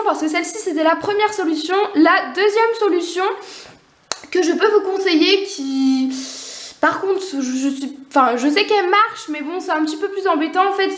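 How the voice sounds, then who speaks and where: Very high-voiced young woman, echoey room. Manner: quick, unscripted, full of fillers and apologies. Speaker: nail art vlogger. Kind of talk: casual tutorial talk.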